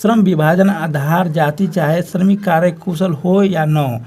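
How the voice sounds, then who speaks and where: A man's voice: a little high, measured pace, a little mellow. A man with a Bihari Hindi accent teaching an exam-prep lesson, talking students through answers with constant filler phrases. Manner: repetitive filler phrase, addresses students as friends.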